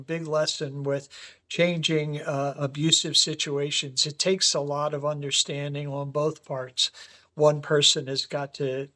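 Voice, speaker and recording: A man's voice: a little high, a bit bright. A man talking casually as a podcast guest, emphatic and acting out little bits of dialogue as he makes his points. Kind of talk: casual conversation.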